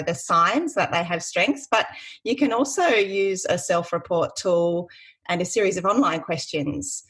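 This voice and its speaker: A woman's voice: fairly low pitch, slightly rough. A woman career coach being interviewed on a podcast, speaking with enthusiasm and a smile in her voice as she explains things.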